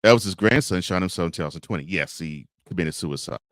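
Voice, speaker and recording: A man with a low, deep voice hosts a casual live morning show and reads viewer comments aloud. He is chatty and laughs often, and the sound is dry with little room echo. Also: lively intonation, fast, a bit bright. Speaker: host of a morning variety show.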